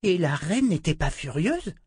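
A man's voice: sing-song, a little slow, darkish tone, breathy edge, no echo, studio quality, full character voice. A man voicing a small, chatty little girl who adores her rescuer, in an audiobook reading. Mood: wary. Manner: high, eager childlike chatter.

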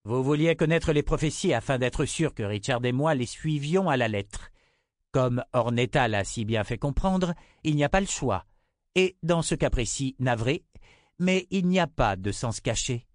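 Guy doing a cold calm lady inquisitor from a fantasy audiobook, raised voice, dry sound. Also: mid-range voice, moderate pace, no echo, pitched above the performer's own voice, natural voice. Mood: coldly calm. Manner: icy, unshakably composed. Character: cold, calm woman ruling as mother confessor.

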